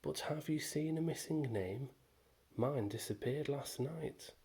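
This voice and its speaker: A man's voice: mid-range voice, a little slow, creaky, a little mellow, breathy edge, pitched above the performer's own voice, full character voice. A man voicing a small, anxious but polite boy in a storybook reading, speaking in eager, stammering questions. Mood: surprised.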